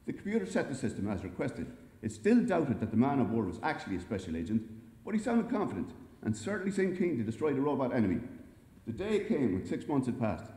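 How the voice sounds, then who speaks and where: A man reading a humorous story aloud to a live audience in a wry, lively way, recorded in an echoey library hall. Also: mid-range voice. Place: library event space.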